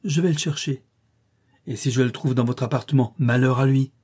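Man shouting as an enraged jealous husband. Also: mid-range voice, a little fast, breathy edge, lightly acted. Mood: threatening. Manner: shouting threats.

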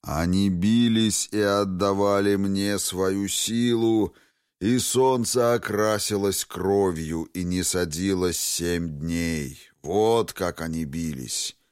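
A man voicing an ancient, wrathful ghost dragon in an audiobook, speaking slowly and solemnly. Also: low voice, a little mellow, smooth, no room sound, clean studio sound. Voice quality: slow, heavy, solemn delivery.

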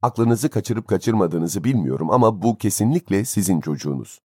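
A man's voice: lowish voice, lively intonation, normal speed, mellow, husky, no echo, clean studio sound. A man voicing a stern, disdainful woman nurse who speaks coldly. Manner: cold, stern.

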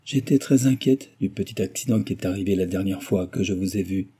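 A man's voice: low voice, fairly quick, warm tone, breathy edge. A man voicing a garrulous, complaining middle-aged mother in a novel reading. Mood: peevish, rambling. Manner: rambling, complaining.

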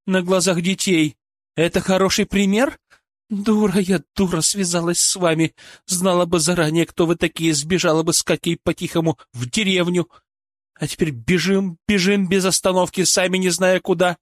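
A man's voice: sits high, normal speed, dry recording, clean studio sound, voice pushed up, natural voice. A man voicing a bitter, furious former shop clerk. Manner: harsh, accusing, shouting insults.

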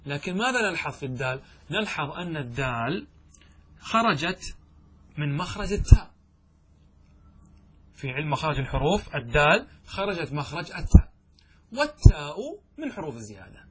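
A man's voice: fairly high pitch, sing-song, brisk, pauses often, background noise. A man giving a classroom lecture on Arabic grammar, explaining step by step and asking his students questions.

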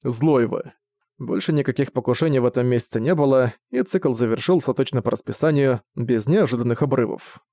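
A male audiobook narrator reading fantasy in an even, measured way. His voice is dark and mellow, recorded close and dry with no room sound. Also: mid-range voice, dry recording. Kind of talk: scripted narration.

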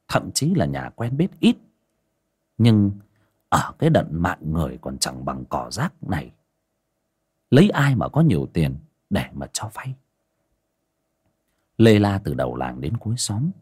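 A man narrating a dramatic story in an expressive storytelling manner. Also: fairly low pitch, breathy edge.

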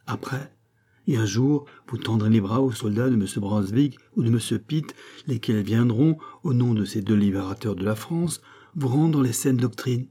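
A man voicing a calm, lecturing male doctor in an audiobook, with rhetorical, insistent phrasing. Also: medium pitch, moderate pace, husky, natural voice. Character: male doctor, calm persuasive political thinker. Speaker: character in an audiobook.

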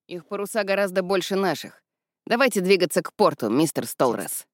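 A woman voicing a stern older woman who commands a riverboat, speaking quietly and decisively. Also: fairly low pitch, animated, fairly quick, dry recording, studio quality, natural voice. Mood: tense.

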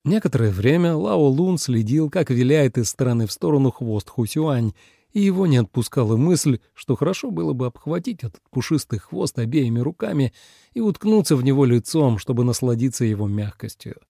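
A man narrating an audiobook in a measured, expressive reading. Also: medium pitch, vocal fry, husky, no room sound, clean studio sound.

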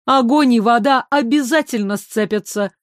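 A woman's voice: fairly high pitch, moderate pace, no echo, clean studio sound, natural voice. A woman voicing a strict, reproachful older head tutor. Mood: stern. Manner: stern, reproachful.

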